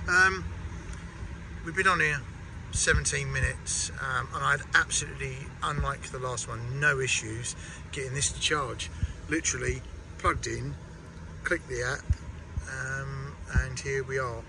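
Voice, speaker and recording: A man's voice: medium pitch, fairly even intonation, a little slow, gravelly. Chatty man vlogging from a car. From England. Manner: chatty, rambling with many ums and restarts. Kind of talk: casual vlog commentary. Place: inside a small car, then outdoors by a charger. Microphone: action camera mounted in the car. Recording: distant camera mic with loud road noise.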